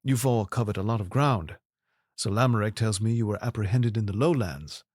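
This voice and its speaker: An actor in an audio drama playing King Arthur as a troubled, regal and earnest ruler who speaks in formal, measured courtly phrasing. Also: lowish voice, a little mellow, breathy edge, dry recording, studio quality. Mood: probing.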